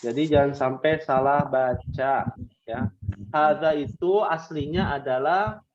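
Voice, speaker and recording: A man teaching an online language class to women, patiently drilling questions with drawn-out prompts and repeating the answers back. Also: a little high, a little mellow, lo-fi sound, a little hiss or hum. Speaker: Arabic teacher.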